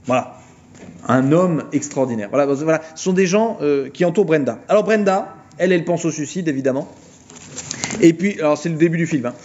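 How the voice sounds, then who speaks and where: Man, informal lecture, mocking animated storytelling, slightly high voice, dull recording with faint hiss. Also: fairly quick.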